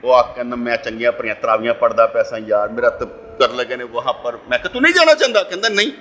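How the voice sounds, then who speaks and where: A middle-aged man with a Punjabi accent delivering a Friday sermon, telling stories and acting out voices, moving between loud calls and hushed asides. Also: medium pitch, a little hiss or hum. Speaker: preacher.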